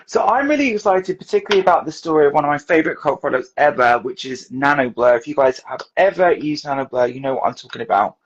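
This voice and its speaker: A woman from the UK hosting a casual live stream from her dressing room, chatty and laughing while sorting out tech, with a hoarse voice. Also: low voice, animated, quick pace, hardly any pauses, muffled recording. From United Kingdom. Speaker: podcast host.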